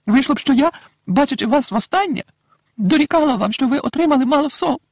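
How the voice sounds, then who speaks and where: A man voicing a frantic, tearful middle-aged witch mother in a high, shrill, sobbing voice, from an audiobook. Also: animated, fast, dry recording, studio quality.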